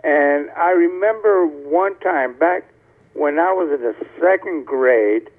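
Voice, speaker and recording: A man's voice: on the high side, slow pace. A man from Tampa calling in to a show, telling a rambling story over a clipped phone line and correcting himself as he goes. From Tampa, Florida. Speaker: caller. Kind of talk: casual call-in storytelling. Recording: tinny phone call on a TV show.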